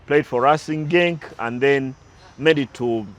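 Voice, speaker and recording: A man's voice: medium pitch, measured pace, a little hiss or hum. A man talking through recent football matches as a pundit, analytical and prone to side stories, with some restarts. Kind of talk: casual sports talk.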